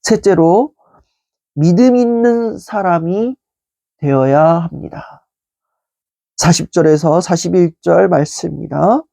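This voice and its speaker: A pastor delivers a measured sermon in a warm, mellow voice with a gravelly edge. Quoted words come slower and softer. The sound is close and dry, with no room around it. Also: medium pitch, no echo. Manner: calm, measured preaching with soft, slowed quotations. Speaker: pastor leading an online prayer meeting.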